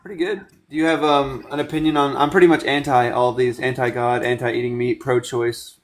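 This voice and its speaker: This livestream host, a man in his late twenties, speaks a little fast at medium pitch with little pitch movement. In a casual live chat and debate, he grills a guest with questions and interrupts to complete his point.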